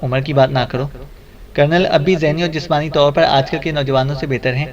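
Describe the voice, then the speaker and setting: A man's voice: on the high side, steady tone, lo-fi sound, natural voice. Teasing young woman, read by a man.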